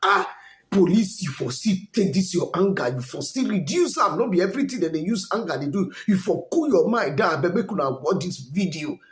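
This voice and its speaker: Man, Nigerian accent, colloquial storyteller, repeats phrases, fairly high voice, roomy echo. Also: sing-song, brisk. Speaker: online commentator. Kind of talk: casual Pidgin commentary on news. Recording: roomy, echoing voice recording.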